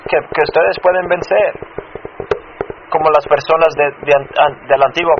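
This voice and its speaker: A man who grew up in Chicago and serves as a pastor, giving a personal testimony in a sermon, halting and restarting often. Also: on the high side. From Chicago, United States. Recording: dull muffled sound with faint noise.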